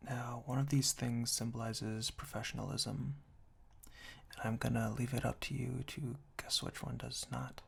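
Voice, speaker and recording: Reading reviews aloud at normal speed, a man offers dry, tongue-in-cheek deadpan comments in a hushed, breathy whisper blended with a soft, low murmur. The close binaural recording places him ear to ear, right by the listener, with a touch of faint noise.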